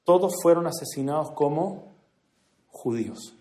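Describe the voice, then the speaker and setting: A man giving an earnest religious speech to a gathering, moving between hushed and emphatic delivery. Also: a little high, expressive, measured pace. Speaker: speaker at a community prayer gathering. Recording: echoey room.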